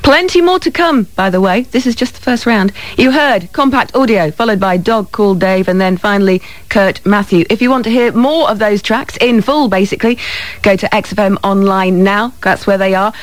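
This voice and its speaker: A woman's voice: medium pitch, moderate pace, no echo. A British woman presents a music radio show in an informal, conversational way. She talks directly to listeners with little tag questions. The sound is close and dry, recorded in a radio studio. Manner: informal, often adds tag questions like "okay?" and "isn't it?". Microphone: close studio microphone.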